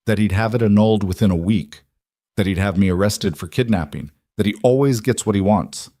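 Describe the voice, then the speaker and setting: Narrator playing a flat, clipped, protective rancher; low, dry and steady. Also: male voice, brisk, dry recording, close to an everyday voice. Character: stoic, protective rancher man, flat and certain.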